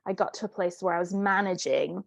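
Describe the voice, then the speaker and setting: A woman's voice: lowish voice, fairly quick, vocal fry, no room sound. A woman who grew up in Italy, a guest on an interview, telling her story in an earnest and reflective way. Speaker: guest, life coach. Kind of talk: interview conversation.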